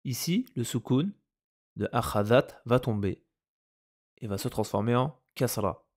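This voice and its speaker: A man teaching a lesson, speaking slowly and deliberately and repeating each example word. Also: medium pitch, animated, a little mellow. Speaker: Arabic language teacher. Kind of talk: explaining Arabic grammar in French.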